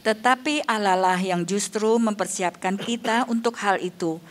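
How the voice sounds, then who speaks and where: A woman reads a Bible passage aloud for the congregation. Her pace is steady and measured. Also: mid-range voice. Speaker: scripture reader. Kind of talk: reading scripture aloud.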